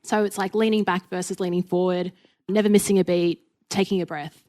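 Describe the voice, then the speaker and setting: A woman hosting a podcast interview, chatty and enthusiastic, telling quick stories from her own work life. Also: on the low side, steady tone, warm tone. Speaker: podcast host. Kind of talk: conversational interview.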